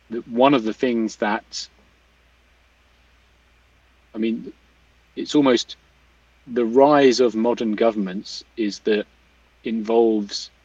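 Distant, dull-sounding man, halting explainer. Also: on the low side, no room sound. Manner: halting, thoughtful, often restarts and rephrases. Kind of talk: casual explanatory discussion. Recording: distant mic, slightly dull, dry sound.

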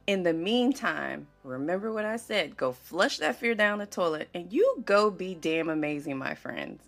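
A woman in her thirties hosts a casual podcast monologue, her low voice carrying a gravelly fry. Her pitch swings widely as she tells stories, laughing often and checking in with listeners. Faint music plays behind her. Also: lively intonation, a little slow. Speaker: podcast host.

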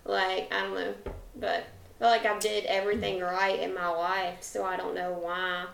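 A woman in her twenties talks candidly on a casual podcast, her voice sitting at a middle pitch. She chats freely and often breaks into small laughs between phrases. The sound carries a noticeable roomy echo. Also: level tone, moderate pace, gravelly, fairly bright tone, slight background noise. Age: 20s. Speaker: podcast co-host.

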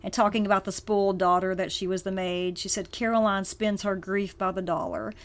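A woman's voice: medium pitch, steady tone, fairly quick. A woman co-hosting a casual book-club podcast, reading favorite lines aloud and leading a trivia game, laughing often. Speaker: podcast co-host.

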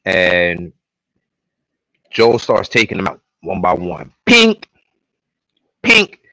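A man's voice: low-pitched, slow, dry recording, poor audio. A young adult man, co-hosting a podcast and animatedly recapping an episode in casual chat. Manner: animated retelling with acted-out quotes. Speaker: podcast co-host.

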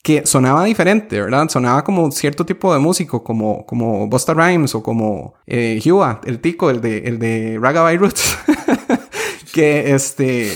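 A man's voice: mid-range voice, measured pace. A young man with a Costa Rican accent chatting casually and animatedly, laughing often. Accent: Costa Rican Spanish. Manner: animated, laughs often, quotes lyrics in English. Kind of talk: casual chat about a musical.

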